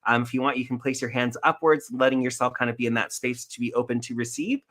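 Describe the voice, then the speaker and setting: Bright-voiced man guiding an energy healing. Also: medium pitch, quick pace. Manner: calm, gently instructive. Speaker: co-host and energy healer. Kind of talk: guided meditation.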